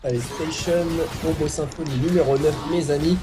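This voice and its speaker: A man giving live play-by-play commentary on a fighting game stream, breaking into long excited exclamations. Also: on the high side, moderate pace, over music.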